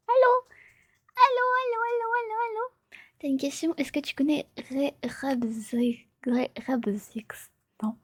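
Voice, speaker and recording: A young woman streaming from home on a close mic, chatting playfully with her viewers, giggling, swearing and slipping into soft whispers. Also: fairly high pitch, slightly rough, dry recording. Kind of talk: casual live stream chat.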